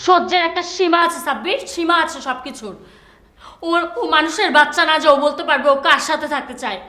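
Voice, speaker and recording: A woman's voice: high voice, normal speed, natural voice. An actress playing a wife about to move abroad in a TV drama, pleading and bitter with her husband. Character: wife leaving for abroad, female adult, tense. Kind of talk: TV drama acting.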